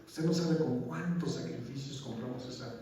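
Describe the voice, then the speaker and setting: A man with a Mexican Spanish accent giving a church testimony, halting and emotional, repeating words, sometimes rising to a preaching emphasis. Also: mid-range voice, warm tone. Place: church hall. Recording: echoey church hall from far off.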